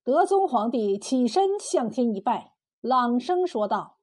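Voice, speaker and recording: A woman narrating a historical tale in a steady storytelling manner. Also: a little high, measured pace.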